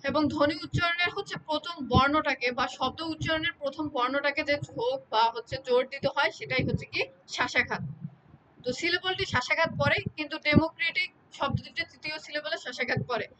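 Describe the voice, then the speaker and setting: Woman lecturer, high-pitched, patient, repeats examples, checks in often, light hiss behind. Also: fast talker, a bit bright, low-quality recording. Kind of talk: exam-prep lecture.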